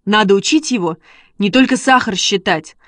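A woman voicing an excitable schoolboy who coaxes and exclaims while training his dog, read as a storybook. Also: medium pitch, normal speed, no echo, clean studio sound, close to an everyday voice. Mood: eager. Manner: eager, coaxing, exclaiming. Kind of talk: storybook reading.

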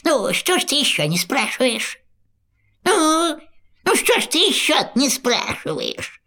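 A woman's voice: high voice, very animated, unhurried, sharp tone, full character voice. A woman voicing the old witch Baba Yaga, grumbling and cackling in a storybook reading. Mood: sly.

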